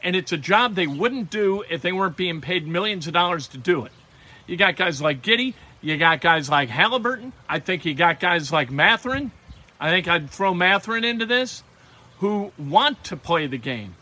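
A man's voice: high-pitched, pushed and bright. A man hosting a sports talk show, delivering a blunt, emphatic and wisecracking monologue about local teams.

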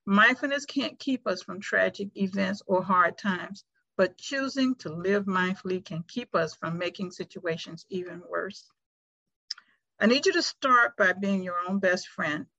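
Slow-talking woman guiding a meditation. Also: medium pitch, no echo, highs cut off. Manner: gentle, deliberate, instructing step by step. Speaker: mindfulness meditation facilitator. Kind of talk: guided meditation, soothing like a sleep story narrator.

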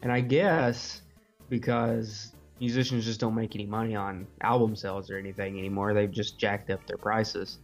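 A man's voice: lowish voice, flat delivery, normal speed, faint music behind. A man co-hosting a podcast in casual chat, easygoing and rambling. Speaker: podcast co-host.

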